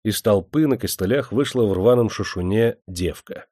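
Man reading a novel aloud, steady dramatic reading, dry close sound. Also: on the low side, normal speed, no echo. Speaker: narrator. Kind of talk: audiobook narration.

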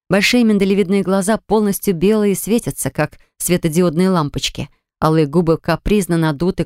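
Brief: low-pitched woman narrator, even and dry, audiobook reading. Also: no room sound. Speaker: audiobook reader.

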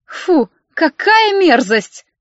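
Female narrator doing a nasty, loud, preachy lady inspector, brighter than the reader's own voice, dull dry recording. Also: high voice, expressive, normal speed, dry recording. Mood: sneering. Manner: scolding, sneering, loud. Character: spiteful middle-aged female welfare inspector. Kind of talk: audiobook character reading.

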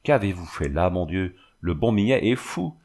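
A man voicing a gentle, wry village priest. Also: low-pitched, big pitch swings, moderate pace, exaggerated voice. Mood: gently wry.

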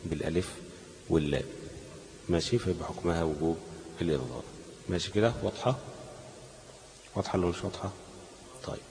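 A man's voice: deep voice, fast, pauses often, a little mellow, in a large hall, a little hiss or hum, poor audio. A man with an Egyptian Arabic accent teaching a class on Quran recitation, asking leading questions that the students finish.

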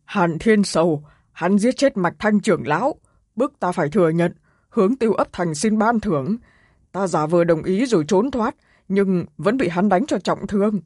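A man's voice: high voice, expressive, moderate pace, a little mellow, breathy edge. Guy reading as a wounded dying hall master, strained and pleading, dry sound. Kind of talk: audiobook character reading.

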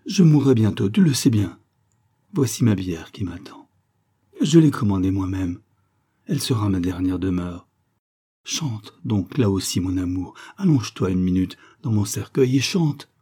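A man's voice: fairly low pitch, animated, unhurried, warm tone, husky. A man voicing a feverish dying poet who passionately implores his lover in an audiobook story. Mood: imploring. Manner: impassioned, imploring.

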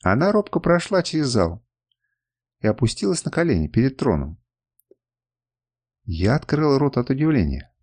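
A man narrating an audiobook in an expressive storytelling manner. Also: medium pitch, normal speed, long pauses, husky.

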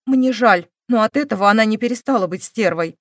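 A woman's voice: a little high, a little fast, dry recording, studio quality, lightly acted. A woman voicing a sullen, defiant young woman who answers questioning with curt, stubborn denials.

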